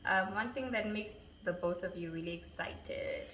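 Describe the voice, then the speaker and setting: A woman's voice: fairly low pitch, moderate pace, a loud crowd. A woman in her twenties chatting casually as a vlogger, answering viewer questions, giggling and stumbling over names. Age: 20s. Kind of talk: casual Q&A chat. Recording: echoey room with faint noise.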